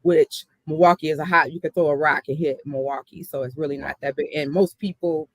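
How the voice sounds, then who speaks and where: A woman's voice: sits low, steady tone, a little fast, no echo, rough recording. A woman from the South Side of Chicago, a hip hop artist telling her story in an earnest, reflective interview.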